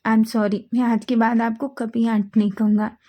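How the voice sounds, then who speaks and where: A woman doing a calm devoted young man. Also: fairly high pitch, normal speed, close to an everyday voice. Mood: earnest. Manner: reassuring, gentle.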